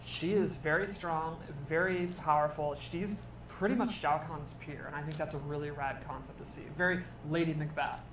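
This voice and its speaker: A man lays out his analysis in an earnest, explanatory way, his voice sitting a little high. The sound comes from a roomy, echoey space, with steady noise underneath. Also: normal speed. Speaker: panelist on a played web show. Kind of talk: enthusiastic analysis. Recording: roomy video audio with background noise.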